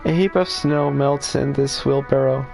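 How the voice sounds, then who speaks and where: A man's voice: mid-range voice, steady tone, normal speed, vocal fry, darkish tone, faint music behind. A male streamer giving casual, laid-back gameplay commentary, laughing and cussing as he plays.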